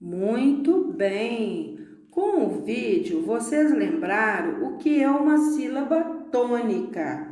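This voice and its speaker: A woman teacher with a Brazilian Portuguese accent, talking slowly and encouragingly to pupils in a recorded lesson. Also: a little high, very animated, a little mellow. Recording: echoey room.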